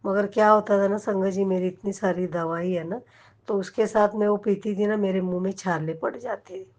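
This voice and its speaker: A woman's voice: mid-range voice, steady tone, moderate pace, darkish tone, muffled recording. A middle-aged woman giving an emotional devotional testimony to a congregation, often turning to address her listeners directly.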